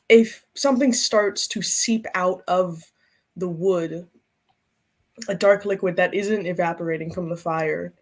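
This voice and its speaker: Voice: mid-range voice, rough recording. A game master narrating a tabletop game, describing scenes and checking rules aloud.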